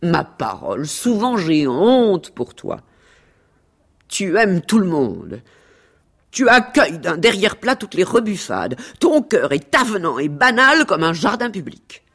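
A woman reading aloud as a proud, disdainful cat, with a slow, lilting literary delivery in an archival radio reading. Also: fairly low pitch, pitched above the performer's own voice. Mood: scornful. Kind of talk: archival radio reading of a dialogue between animals.

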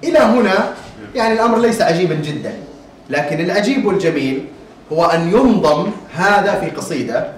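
Slightly high-voiced man teaching from afar. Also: lively intonation, reverberant, far from the mic, a little hiss or hum, low-quality recording. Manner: recites verses in a measured chant, checks in with listeners. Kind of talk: recorded lesson.

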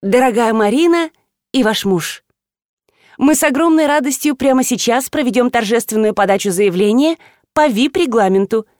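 A woman's voice: medium pitch, very animated, normal speed, no room sound, clean studio sound, natural voice. A woman reading the part of a formal, bureaucratic female registry official. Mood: sugary. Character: stiff middle-aged female registry official.

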